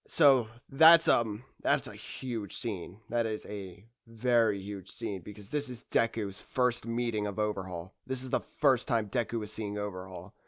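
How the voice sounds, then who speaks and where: Speaking in a mid-range, slightly bright voice, a man hosts an informal anime discussion video. He talks off the cuff, wandering and pausing as he works out what to say.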